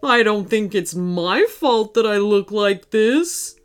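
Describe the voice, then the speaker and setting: Lady putting on a lovesick boy hippo, all dreamy and sing-song, slow. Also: medium pitch, expressive, clear, resonant tone. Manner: dreamy, lovey-dovey. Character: lovestruck shy male hippo.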